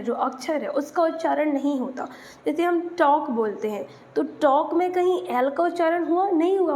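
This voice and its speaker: High-voiced patient woman teacher. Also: a little mellow. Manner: patient, explains English words in Hindi and spells them letter by letter. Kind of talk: exam-prep lesson explanation.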